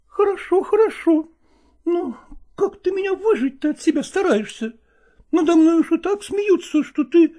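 Tearful, clingy young actress voiced by a male narrator in an audiobook, high falsetto-like pitch and dark, mellow tone. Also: animated, moderate pace. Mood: insistent. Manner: high, pleading and reproachful, tearful. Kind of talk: audiobook character reading.

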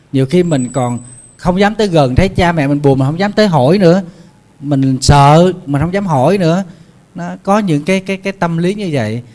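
Man, Buddhist monk, lively jokey sermon, slightly high voice. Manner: lively, jokey, acts out animal voices in the story.

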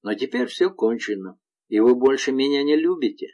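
A man's voice: medium pitch, lively intonation, normal speed, a little mellow, voice pushed up, natural voice. A man playing a tormented wolf leader. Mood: brooding.

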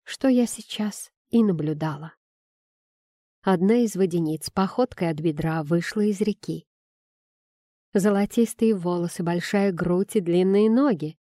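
A woman reading a first-person fantasy audiobook in an expressive storytelling manner. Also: lowish voice, unhurried, no echo, clean studio sound. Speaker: audiobook narrator.

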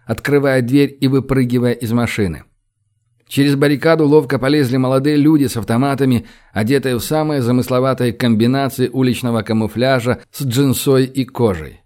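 Man reading an audiobook, lively delivery. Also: mid-range voice. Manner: lively, acts out dialogue. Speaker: audiobook narrator. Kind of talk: audiobook narration.

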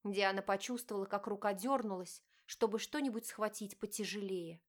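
A woman's voice: steady tone, normal speed. A woman reading a dramatic romance story aloud and giving the heroine's angry lines extra force. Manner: voices the heroine's angry lines with raised pitch. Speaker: audiobook narrator. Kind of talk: emotional story narration.

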